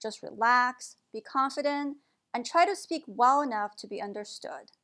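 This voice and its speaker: A woman teaching English pronunciation in a slow, clear lesson style, carefully modeling each word. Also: on the high side, pushed and bright.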